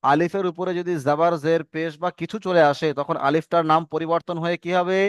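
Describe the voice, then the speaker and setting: Over a video call microphone, a man with a fairly high pitch and a Bengali accent teaches a Quran reading class, his delivery flat, fairly quick and smooth with no echo. Patiently, he repeats drills and invites everyone to answer together.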